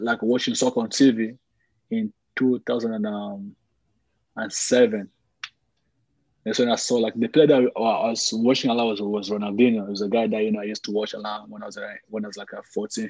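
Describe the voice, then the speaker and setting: Husky young man with a Congolese accent. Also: fairly low pitch, level tone, brisk, a little mellow, dry recording, rough recording. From Congo (DRC), later Malawi. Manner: conversational, repetitive, peppered with "like" and "you know". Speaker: soccer player being interviewed. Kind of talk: casual interview answers.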